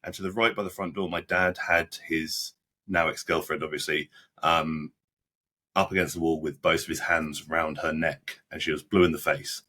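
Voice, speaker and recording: A low, husky-voiced young man tells his story to a podcast host. His tone is bright and pointed, and his speech is halting and full of restarts. He is blunt and uses casual slang. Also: fairly even intonation. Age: 20s. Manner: halting, frequent restarts and repeated words; blunt, plain-spoken with British slang. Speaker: podcast guest.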